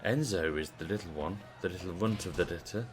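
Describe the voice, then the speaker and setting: A British man giving casual play-by-play commentary on a video game wrestling stream, chatty and relaxed. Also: sits low, brisk, over music. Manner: chatty, relaxed, asks the audience.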